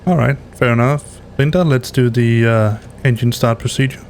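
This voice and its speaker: A man acting as a pilot in a flight simulator, mixing radio readbacks with relaxed, casual commentary. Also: medium pitch, normal speed, slight background noise.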